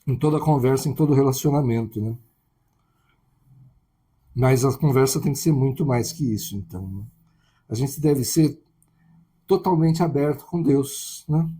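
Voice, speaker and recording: Husky, mellow Brazilian man preaching. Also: mid-range voice, moderate pace, long pauses. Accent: Brazilian Portuguese. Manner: conversational, constant tag questions. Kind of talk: sermon.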